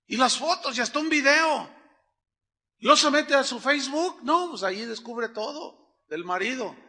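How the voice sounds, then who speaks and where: A middle-aged man preaching a sermon, acting out little dialogues and swinging from loud bursts to hushed asides. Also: high-pitched. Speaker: pastor.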